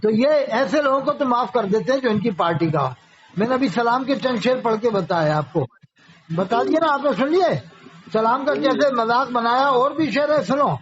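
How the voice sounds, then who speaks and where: High-voiced man, argumentative. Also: lively intonation, a little hiss or hum. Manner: argumentative, fires off rhetorical questions. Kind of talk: polemical religious talk. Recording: dull lo-fi audio.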